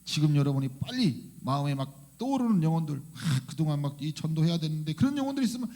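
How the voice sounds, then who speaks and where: High-voiced man preaching fervently. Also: quick pace. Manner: fervent, animated preaching with frequent hallelujahs and questions to the congregation. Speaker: pastor. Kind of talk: sermon. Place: church sanctuary.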